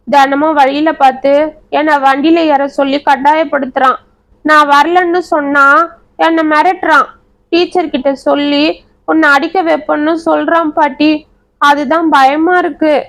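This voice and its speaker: A woman voicing a frightened young schoolgirl who speaks haltingly through tears. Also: high voice, fairly even intonation, pitched above the performer's own voice, poor audio. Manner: hesitant, halting, tearful.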